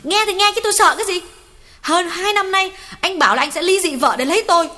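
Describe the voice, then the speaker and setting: A woman reading as a young mistress in a storybook drama, shrill and scolding, her bright, high voice cutting through a long reverb. Soft guitar music plays behind her. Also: quick pace. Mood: furious. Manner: shrill, scolding, tearful outbursts. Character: young woman secretary and mistress, furious, jealous.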